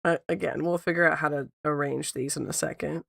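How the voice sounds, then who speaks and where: A woman who sounds squeaky like a toy because she is sick, chatting casually on an art livestream and thinking out loud as she works. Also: steady tone, brisk, vocal fry, no echo, studio quality. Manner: thinks out loud, repeats herself. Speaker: art streamer. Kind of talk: casual livestream chat while drawing.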